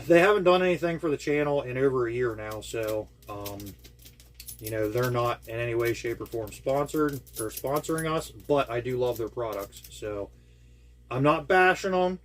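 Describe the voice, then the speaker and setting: Guy at home hyped about his build, lots of ums and uhs, just chatting to the camera. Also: medium pitch. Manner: enthusiastic, rambling with many fillers. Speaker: RC hobby channel host. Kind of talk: casual product walkthrough. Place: indoors at home with air conditioning.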